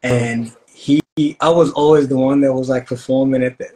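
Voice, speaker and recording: Young male guest on a video call, casual and rambling, mid-pitched. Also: normal speed, low-quality recording. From Australia. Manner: relaxed, rambling with restarts and fillers. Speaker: guest singer-songwriter. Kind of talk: casual interview chat. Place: indoor room at home.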